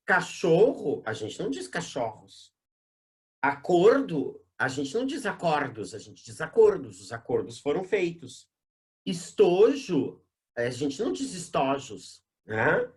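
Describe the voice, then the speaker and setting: A teacher with a Brazilian accent runs an exam-prep class in a classroom with a board. The voice sits at a middle height but swings up and down a great deal. Key terms get drawn out slowly, and nearly every sentence ends in a quick tag question. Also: mid-range voice.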